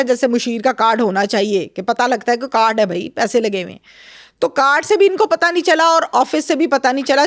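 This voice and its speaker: High-voiced woman telling a story. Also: no room sound, clean studio sound. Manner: animated storyteller, acts out quoted dialogue. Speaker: interview guest. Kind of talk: recounting a crime case in conversation.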